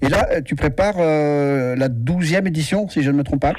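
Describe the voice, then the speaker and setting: A man's voice: on the high side, normal speed, a little mellow, no echo. A man hosting a radio interview, asking questions in a friendly, conversational way. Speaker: radio host.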